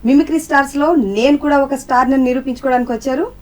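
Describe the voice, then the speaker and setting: A woman's voice: sits high, fast, rough recording. A woman hosting a TV interview, asking cheerful, encouraging questions. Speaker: host, anchor.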